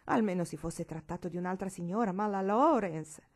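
A woman reading a storybook, voicing a dignified, weary grandmother in a measured, reproachful way. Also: on the low side, lightly acted.

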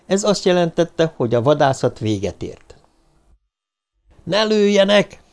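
A man narrating an audiobook in a steady, even delivery. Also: on the high side.

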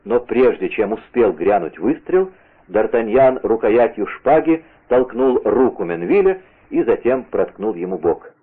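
A man's voice: on the low side, animated, a little slow, breathy edge. A man narrating an adventure novel in a vivid, theatrical reading. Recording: tinny lo-fi radio broadcast.

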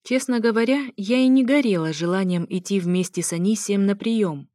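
A woman's voice: mid-range voice, normal speed, dark tone, no echo. A young woman narrating an audiobook in the first person, in a wry, ironic tone, close to the mic.

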